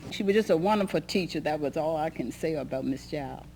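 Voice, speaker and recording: Low-voiced older woman recalling childhood. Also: quick pace, creaky, noisy background. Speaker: former pupil. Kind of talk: oral history reminiscence.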